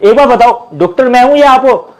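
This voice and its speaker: A man's voice: very high voice, lively intonation, fairly quick, darkish tone, low-quality recording. A man playing a proud, touchy fake family doctor who indignantly lectures about trust and honour. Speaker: actor in a web drama. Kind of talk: dramatic dialogue.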